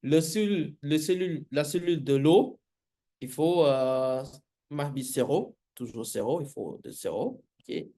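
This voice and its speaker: A man with a foreign accent in French explains a programming exercise as a live instructor. His voice sits a little high for a man. He speaks very slowly, hesitating and searching for words in a language that is not his first. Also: mellow.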